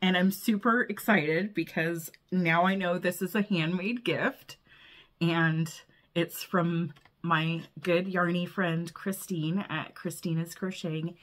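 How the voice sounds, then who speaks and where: A woman's voice: on the low side, fairly even intonation, slow. A woman filming a casual unboxing vlog, bubbly and gushing, often breathless with delight. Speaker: vlogger.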